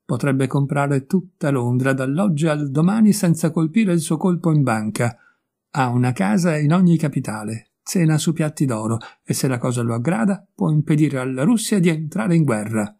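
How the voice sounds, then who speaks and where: A man's voice: a little high, expressive, moderate pace, a little mellow. A man voicing a witty, worldly young male painter in an audiobook, speaking in a breezy, teasing way. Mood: amused. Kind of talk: audiobook character voice.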